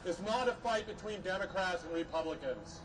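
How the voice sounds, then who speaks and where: A middle-aged man giving a podium speech as a professor at a rally, earnest, measured and emphatic. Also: high voice, expressive. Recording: distant mic, noisy outdoor rally.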